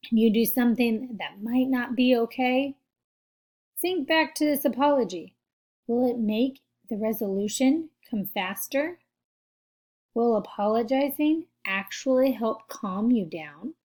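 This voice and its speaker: A woman giving a gentle, patient social skills lesson to children, speaking straight to them. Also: fairly high pitch. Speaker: teacher for children.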